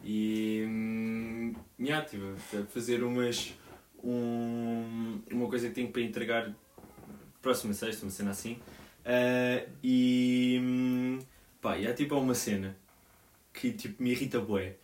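A man's voice: medium pitch, flat delivery, a little slow, darkish tone. A young man in his twenties with a European Portuguese accent, co-hosting a podcast and telling a rambling story in casual slang, full of fillers. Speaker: podcast co-host. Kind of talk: casual chat. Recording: roomy echo.

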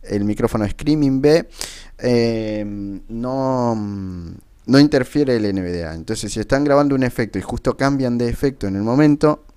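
A man giving a casual spoken software tutorial into his computer's built-in microphone, with frequent fillers. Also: medium pitch, moderate pace, smooth, dry recording. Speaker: tutorial presenter. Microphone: computer's built-in default microphone.

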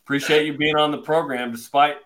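A man's voice: fairly high pitch, fairly even intonation, brisk, a bit bright. A man hosting a sports podcast, upbeat and chatty, reading out stats with the odd filler. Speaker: podcast host.

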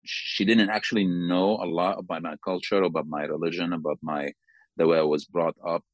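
A man in his forties with a Sudanese accent, answering interview questions in a halting, careful way and often repeating words. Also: low-pitched, flat delivery, no echo. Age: 40s. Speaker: interview guest. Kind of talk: conversational interview.

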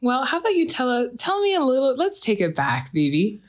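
A woman's voice: sits high, wildly swooping pitch, brisk. A woman interviewing her partner in a casual chat, teasing and playful.

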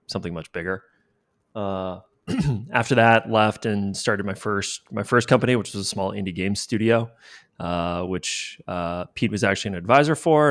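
A man's voice: deep voice, dry recording. A man speaking casually as a guest in an interview about his work. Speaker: interview guest, games executive.

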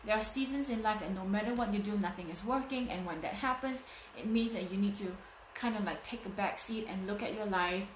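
A woman's voice: medium pitch, a little fast. A woman in her late thirties speaks as a motivational coach, stressing her points and repeating lines for effect. Her voice rings with a roomy echo, and a faint background noise sits under it. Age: 30s. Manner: emphatic, repeats phrases for effect. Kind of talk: motivational talk. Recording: echoey room.

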